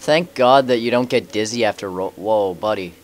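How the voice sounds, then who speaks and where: Joking man with a lowish voice. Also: moderate pace. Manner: joking, wisecracks at game characters. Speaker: let's play commentator. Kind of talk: casual gameplay commentary.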